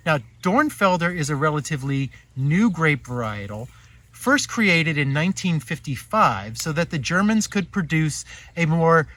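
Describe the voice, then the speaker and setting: A man's voice: fairly high pitch, a bit bright. A man hosting a wine tasting, explaining in an informative, conversational way and often checking for agreement. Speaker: host and presenter of a wine tasting. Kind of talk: informative product presentation with casual tasting chat.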